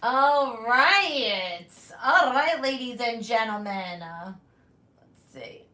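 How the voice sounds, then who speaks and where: A woman hosting a casual livestream in an animated, playful, exclamatory way. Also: fairly high pitch, takes it slowly. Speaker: host of a daily live show. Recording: roomy, distant mic, music behind.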